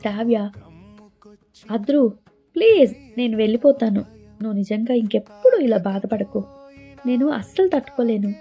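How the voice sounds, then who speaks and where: A woman voicing a tender young woman who pleads anxiously in a high voice, in a storybook reading. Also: big pitch swings, moderate pace, husky, exaggerated voice. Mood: tearful pleading. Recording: dull lo-fi with faint music.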